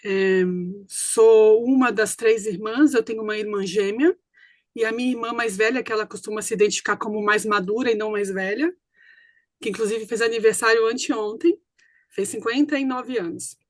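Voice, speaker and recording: A woman's voice: fairly high pitch, steady tone, moderate pace, no room sound. Woman in her fifties, dry close sound. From born in Recife, raised in a family from Rio Grande do Sul. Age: 50s. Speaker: workshop participant. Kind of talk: self-introduction on a video call.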